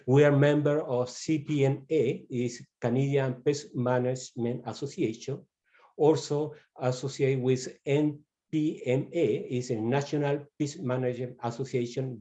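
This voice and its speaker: His medium-pitched, warm voice carries a Chilean Spanish accent as he haltingly delivers a webinar in non-native English. He is a pest control specialist from Chile.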